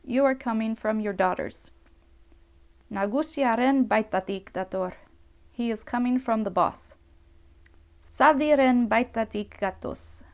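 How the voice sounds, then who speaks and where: A woman presenting a scripted grammar lesson, reading example sentences slowly and carefully and translating each one. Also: fairly high pitch, a little mellow. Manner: careful, slowed pronunciation of example phrases. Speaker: language teacher.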